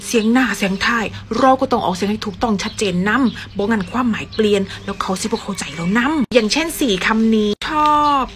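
A young woman with an Isan accent giving a playful, teasing pronunciation lesson and repeating words slowly. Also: mid-range voice, a bit bright, slight background noise. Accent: Isan (Northeastern Thai). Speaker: pronunciation teacher.

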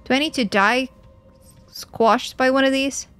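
A woman's voice: high voice, steady tone, unhurried, fairly bright tone, soft background music. A young adult woman streaming a video game, chatting playfully with her viewers and answering their messages with mock anger and jokes. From Portugal. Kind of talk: casual gameplay commentary chatting with viewers.

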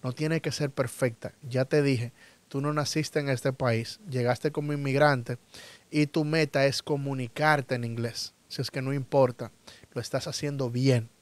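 A man whose first language is Spanish, teaching a lesson and repeating each word slowly and firmly for his students. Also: medium pitch, fairly even intonation, dry recording. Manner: repeats words slowly and emphatically for learners. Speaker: English teacher. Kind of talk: slow, drilled language lesson.

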